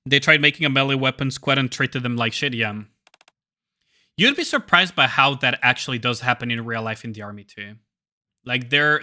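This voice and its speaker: A man's voice: medium pitch, bright, forceful tone. A man streaming a game, chatting casually with viewers and swearing freely. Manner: swears casually, reads story lines in his own voice. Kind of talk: casual live-stream chat while reading game dialogue aloud.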